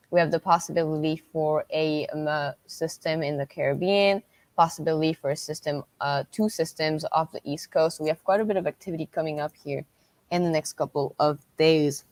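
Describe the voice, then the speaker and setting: Tracking storms on a livestream, a deep-voiced woman talks through updates off the cuff, hesitating and repeating herself. The recording is dry.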